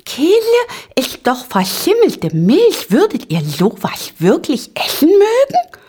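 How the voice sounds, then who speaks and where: A tiny, eager little servant boy chirps in a high, piping voice that swoops up and down, as a woman puts him on. He speaks with ceremonious, bowing courtesy and lively eagerness, like a figure from a storybook. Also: slow pace, heavily acted. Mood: puzzled.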